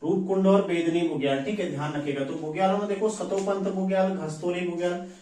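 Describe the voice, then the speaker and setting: A man's voice: high-pitched, fairly even intonation, quick pace, dark tone. A man teaching an exam coaching class, repeating each term and checking in with his students often. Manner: repeats terms, says "ठीक है" and "ध्यान रखिएगा" often. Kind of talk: classroom lecture. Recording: echoey room, far from the mic.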